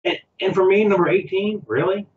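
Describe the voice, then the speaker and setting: A man's voice: high voice, brisk, roomy sound, narrow, tinny audio, a crowd in the background. A man co-hosting a casual podcast chat, rambling and hesitant as he goes down a list. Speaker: podcast co-host.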